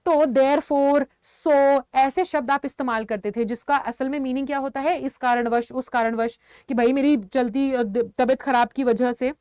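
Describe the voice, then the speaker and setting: ऊँची आवाज़ वाली हिंदी बोलने वाली शिक्षिका. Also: female voice, high-pitched, smooth, no echo, studio quality. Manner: explains in Hindi with English words, lively examples. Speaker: English teacher. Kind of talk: online vocabulary lesson.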